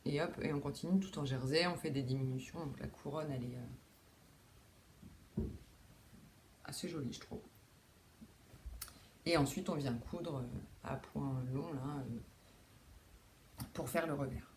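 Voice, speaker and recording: A bass-voiced woman speaks a little slowly, leaving long pauses, against a noisy background. She's a young knitting video podcast host at home in a room with a window, in casual chat peppered with fillers, restarts and self-deprecating comments.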